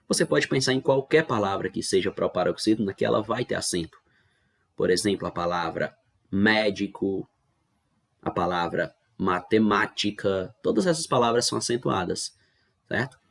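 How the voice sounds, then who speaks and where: A man's voice: deep voice, vocal fry. A man teaching an online school review lesson. He explains step by step, repeats the key rules and keeps checking in with the class.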